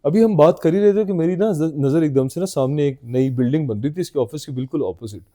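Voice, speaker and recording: A man trading stories with an old friend on a podcast, animated and fond of a good tale. His voice is a touch high yet mellow and soft. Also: quick pace. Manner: animated storyteller, chuckles often. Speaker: podcast co-host. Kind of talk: casual chat between old friends.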